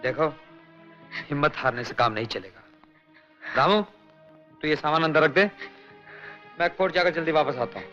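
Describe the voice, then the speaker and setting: A raving young husband. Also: male voice, a little high, moderate pace, pauses often, dull audio, soft background music. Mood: earnest. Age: young adult. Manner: earnest, then wild and shouting. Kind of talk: 1970s film acting.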